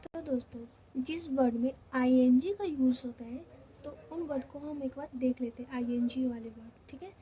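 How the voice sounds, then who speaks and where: Her voice is high and mellow as she gives a step-by-step shorthand lesson in a Hindi accent. She moves slowly, repeats every step, and keeps asking "theek hai" to check her students are following.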